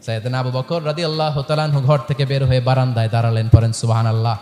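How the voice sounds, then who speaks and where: A man preaching an animated sermon through loudspeakers to a large gathering, telling stories and firing rhetorical questions at the crowd. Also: medium pitch, rapid-fire. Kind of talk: sermon with storytelling. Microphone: microphone through loudspeakers. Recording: echoey public-address sound with long reverb and faint noise.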